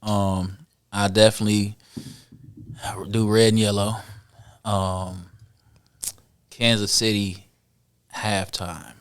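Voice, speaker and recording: A man, a guest musician, chatting casually on a podcast, animated, repeating himself and laughing often. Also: fairly low pitch, takes it slowly, pauses often, clean tone.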